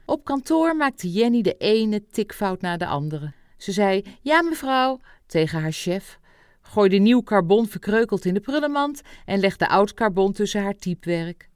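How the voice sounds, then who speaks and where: A woman reading a story aloud as narrator in a measured, expressive way. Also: mid-range voice, clear, resonant tone, no room sound, clean studio sound.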